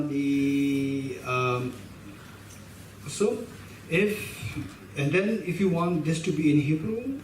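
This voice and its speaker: A middle-aged Buddhist teacher with a Tibetan accent leads a class in an indoor meditation hall with a shrine. His voice is fairly high, and he speaks emphatically, often repeating and restarting phrases. A stand mic sits a bit distant in front of him, picking up roomy hall sound and faint hiss.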